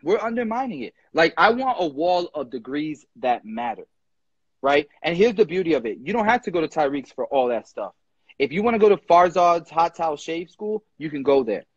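Streaming a casual live chat, a young barber educator speaks in a fairly high, somewhat husky, sing-song voice, pushing his points with passion and quick restarts. He's in an indoor room with a ceiling fan, using his phone's front camera at arm's length, so the sound is close, dry, dull and lo-fi with no echo.

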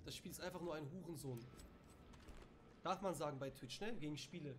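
A young man with reacts to a horror game from his room at home, his voice sitting high. He gets jumpy and curses under pressure, and a clear hum of background noise runs under the stream. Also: fairly quick. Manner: jumpy, swears, shouts when startled. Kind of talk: casual let's play commentary.

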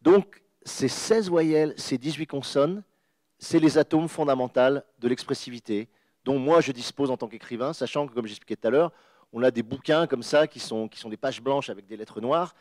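A man speaks on a panel with an emphatic, searching delivery, repeating and restarting words as he acts out sounds. His voice sits at an ordinary middle pitch. The recording is dry and close, with little room sound. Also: moderate pace, darkish tone, no echo. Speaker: guest author on a panel. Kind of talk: animated lecture-style explanation.

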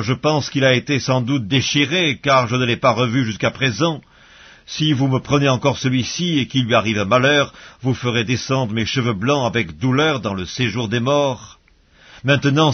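A man reading scripture aloud in a measured, solemn way, pausing between phrases. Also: mid-range voice, breathy edge. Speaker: Bible reader. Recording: dull lo-fi audio recording.

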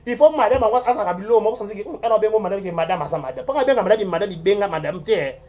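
This online show host speaks with a Congolese accent, delivering rambling, lively gossip commentary full of repeated words that swings from loud outbursts to mutters. The voice is mid-range and the pace is fast.

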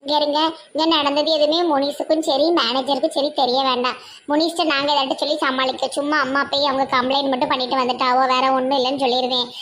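A woman voicing a rapid, high-pitched bossy village girl with a Tirunelveli accent. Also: a bit bright, a little hiss or hum. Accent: Tirunelveli Tamil.

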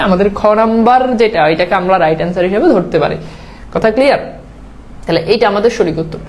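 A woman's voice: mid-range voice, a little mellow, a little hiss or hum. Woman tutor explaining step by step. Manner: explains step by step, keeps checking understanding with tag questions; mixes English words into her talk. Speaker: admission exam tutor. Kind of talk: online lecture over slides.

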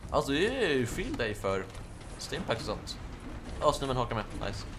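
Young male gaming host, animated delivery that jumps around in pitch, light background noise. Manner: excitable, shouts and yelps during fights. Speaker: gaming YouTuber. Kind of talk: casual Let's Play commentary.

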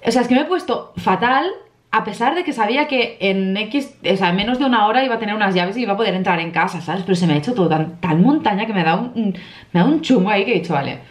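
A young woman chats casually to camera, rambling through a story with many fillers and asides. She sounds worn out from little sleep and talks at a fast clip. The room around her is noticeably echoey. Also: mid-range voice, animated. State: tired from lack of sleep. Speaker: vlogger. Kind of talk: casual vlog chat.

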